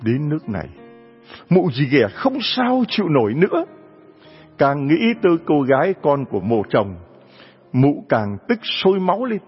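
Slow, lively male storyteller. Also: fairly high pitch, slightly rough, soft background music. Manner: slow, animated storytelling with chuckling asides. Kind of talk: folk tale narration. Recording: dull lo-fi recording.

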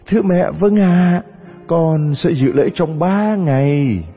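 A man's voice: fairly high pitch, takes it slowly, slightly rough, faint music behind, pitched above the performer's own voice. A man voicing a polite, trusting young princess who speaks earnestly. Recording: dull audio with long reverb.

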